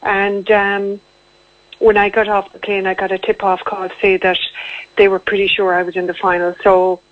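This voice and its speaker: A woman's voice: medium pitch, completely flat delivery, moderate pace, dry recording. A woman with a west of Ireland accent, talking conversationally and matter-of-factly about her own story as a guest in a radio interview. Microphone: telephone. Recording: tinny narrow-band phone line.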